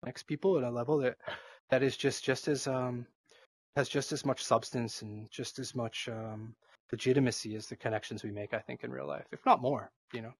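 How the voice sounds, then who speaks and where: A man's voice: medium pitch, brisk, vocal fry. A man with a Boston accent, chatting as a guest in a casual interview, rambling with lots of fillers. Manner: rambling, filler-heavy, animated.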